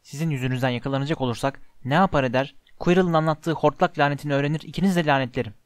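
A hot-headed schoolboy played by a man grumbles angrily at his friends. The voice sits a touch high. The sound is dry and close, as in a storybook reading. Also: racing, dry recording, natural voice. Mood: angry. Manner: angry, grumbling.

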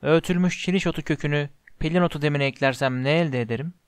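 A man voicing a cold, sneering middle-aged potions master in an audiobook, speaking in a low, quiet, contemptuous drawl. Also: quick pace, clean tone, no echo, studio quality, lightly acted. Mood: mocking. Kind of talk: audiobook character reading.

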